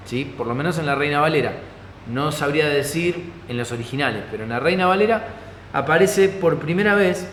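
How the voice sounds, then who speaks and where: A pastor with a Rioplatense Spanish accent teaching a Bible study in a conversational way, often checking in with his listeners. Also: fairly high pitch. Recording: echoey hall, faint ambient noise.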